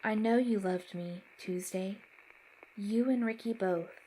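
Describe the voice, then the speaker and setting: A woman voicing a loving older mother who speaks softly and deliberately in a Southern US accent. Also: medium pitch, a little hiss or hum, close to an everyday voice, low-quality recording. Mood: tender. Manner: soft, deliberate and calm.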